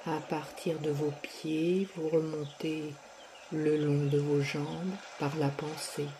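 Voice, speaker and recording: Soft, stretched words and long pauses mark this sophrology guide's relaxation session. She speaks in a low voice at a very slow, unhurried pace, with a steady background noise running beneath.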